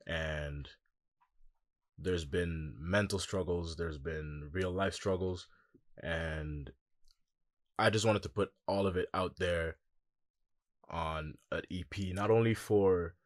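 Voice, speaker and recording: A young man from Congo, a musician guest in a casual interview, talking in a relaxed, reflective way with lots of "like" and "um". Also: low-pitched, slow pace, pauses often, no echo, studio quality.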